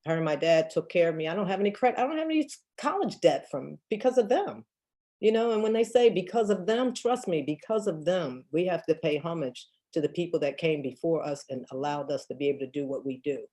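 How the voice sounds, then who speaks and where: A real estate agent in her fifties answers questions in a casual storytelling Q&A, emphatic and laughing often. Her voice is deep and mellow, with lively intonation and a brisk pace.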